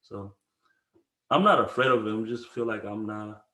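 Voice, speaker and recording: A man's voice: fairly low pitch, normal speed, bright, forceful tone, roomy sound. A man in his twenties from the Congo, a podcast guest talking casually and rambling, with slang and frequent restarts. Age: 20s. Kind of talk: casual conversation.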